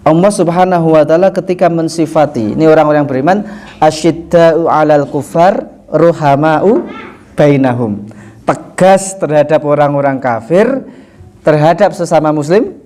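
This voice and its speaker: A man teaching a religious lesson in a relaxed, conversational way, with rhetorical questions, frequent chuckles and slowly recited Arabic lines. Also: a little high. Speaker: Islamic teacher. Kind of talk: sermon.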